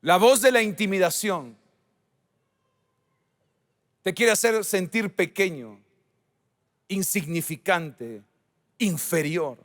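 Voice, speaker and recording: A man preaching as a pastor, with emphatic swings in pitch and volume. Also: slow pace, pauses often, a bit bright. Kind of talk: sermon. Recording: church hall reverb.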